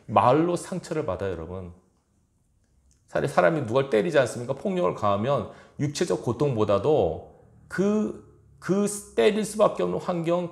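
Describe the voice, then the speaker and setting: A man's voice: medium pitch, creaky. A male pastor preaching a fervent, emphatic sermon in a church sanctuary. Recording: roomy church echo.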